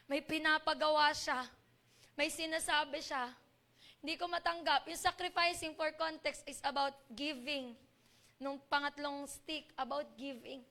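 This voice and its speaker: A woman's voice: sits high, steady tone, measured pace, sharp tone. A woman sharing a personal testimony with a congregation, speaking earnestly and emotionally. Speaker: church member giving testimony.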